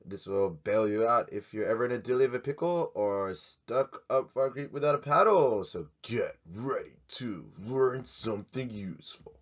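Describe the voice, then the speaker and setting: A man from Australia, teaching an English grammar video lesson in a jokey, animated way. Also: mid-range voice, moderate pace, few pauses. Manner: jokey, animated, swings in loudness. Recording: dull lo-fi sound.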